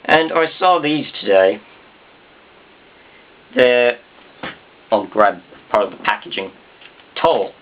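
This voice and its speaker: A man with a fairly low voice and a Southern drawl talks casually to his camera like a home vlogger. He rambles off the cuff with a self-deprecating manner. The sound is a little dull and muffled. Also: expressive, slow pace, pauses often. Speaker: video blogger.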